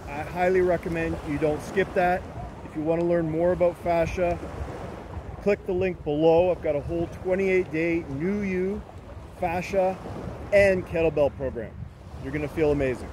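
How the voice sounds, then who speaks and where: A fitness coach with a high-pitched, slightly mellow male voice leads an aerobics-style workout on an open sandy beach by the water, counting out reps and calling short, brisk commands and encouragement as he exercises. The outdoor recording is noisy with surf and wind.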